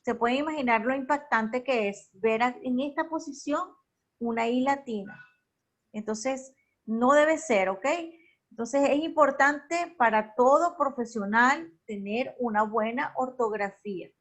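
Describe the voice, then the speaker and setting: A woman with a somewhat high voice teaches a class online. She explains step by step, regularly asks if everyone is following, and corrects herself partway through sentences. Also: unhurried. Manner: explanatory, checks in with "ok?", self-corrects mid-sentence.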